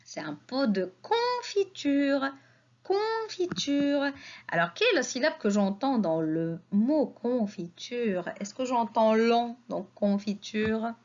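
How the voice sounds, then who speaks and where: A woman teaching a children's spelling lesson, sounding out syllables slowly and patiently, asking questions and answering them herself. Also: a little high, expressive, a little mellow. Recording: slightly dull lo-fi audio.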